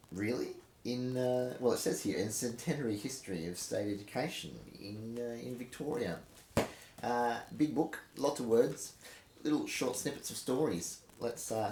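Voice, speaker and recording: Australian male reader-host, lowish voice, theatrical deliberate delivery, roomy recording with faint noise. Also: a little mellow. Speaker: host of a dramatic reading series. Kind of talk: dramatic read-aloud of non-fiction.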